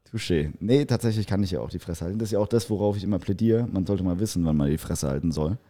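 A man's voice: low voice, fairly quick, long pauses, warm tone. A young man co-hosting a podcast, rambling in slangy casual chat and laughing often. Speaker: podcast co-host.

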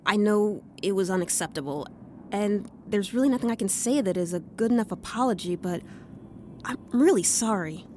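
A woman's voice: mid-range voice, moderate pace, slight background noise, lightly acted. An actress playing an earnest young woman who can sense demons, in an audio drama. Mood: apologetic. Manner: earnest, lively and emotional.

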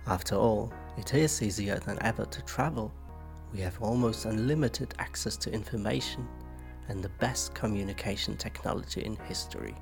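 A man hosting a podcast, reading a scripted narration in a measured, reflective way. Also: lowish voice, vocal fry, music in the background.

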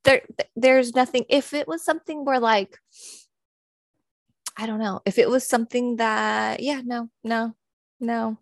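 A woman's voice: fairly high pitch, measured pace, gravelly, long pauses, no room sound, studio quality. A young woman co-hosting a podcast, chatting playfully and mimicking voices in her anecdotes. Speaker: podcast co-host. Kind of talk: casual chat.

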